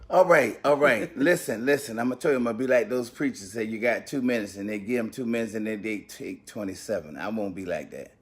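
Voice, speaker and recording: Folksy joking pastor, lowish man. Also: fast talker, hardly any pauses. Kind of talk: folksy spoken tribute.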